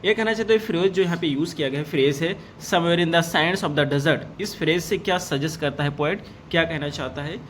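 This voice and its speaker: A man teaching an exam-prep lesson, reading each question slowly and then explaining the answer in Hindi. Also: fairly high pitch, a bit bright, slight background noise.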